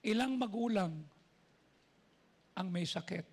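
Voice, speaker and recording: Filipino man, pastor, sermon, very high voice, gravelly. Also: takes it slowly. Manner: preaches in mixed Tagalog and English, repetitive calls.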